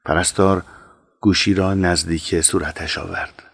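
A man narrating an audiobook in a measured, calm storytelling manner. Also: low-pitched, creaky, breathy edge, dry recording, clean studio sound.

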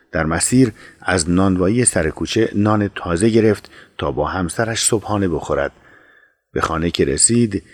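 A man narrating an audio drama in a slow, measured storytelling voice. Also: low voice, no echo, studio quality.

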